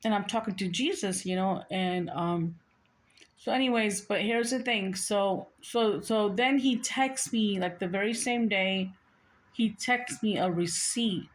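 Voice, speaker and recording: A woman's voice: medium pitch, measured pace. A woman vlogger telling her viewers a personal story in a casual, earnest and rambling way, often restarting her sentences.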